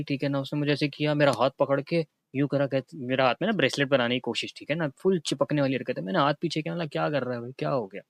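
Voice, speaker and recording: A man's voice: mid-range voice, dry recording. A young man from Karachi, telling a story to camera in a casual, chatty way and often tagging his lines with a check-in filler. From Karachi, Pakistan. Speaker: vlogger.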